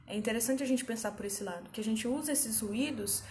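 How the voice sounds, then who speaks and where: A woman, a little higher-pitched than most, teaching an online grammar class. She explains step by step and keeps checking in with her students as she goes. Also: brisk, a little mellow, a little hiss or hum. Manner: patient explaining, frequent check-ins with students.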